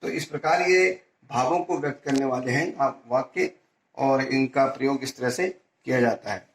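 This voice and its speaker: A man's voice: mid-range voice, steady tone, normal speed, vocal fry. Man teaching grammar in an echoey room. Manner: explains with spoken examples and checks "ठीक है ना". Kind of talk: grammar lesson.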